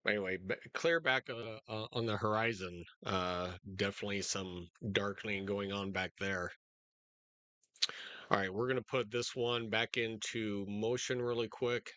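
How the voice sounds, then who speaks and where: A man hosting live storm coverage in a casual, unscripted, halting way, speaking directly to his viewers. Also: fairly low pitch, fairly even intonation, sharp tone, dry recording. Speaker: storm-coverage livestream host.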